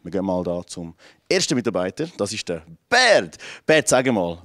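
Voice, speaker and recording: A man's voice: low-pitched, sing-song, moderate pace, fairly bright tone, no echo, clean studio sound. A young man with a Swiss German accent, playfully presenting as a roving reporter with a handheld microphone in an office. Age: young adult. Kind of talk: playful vox pop presenting. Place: open-plan office.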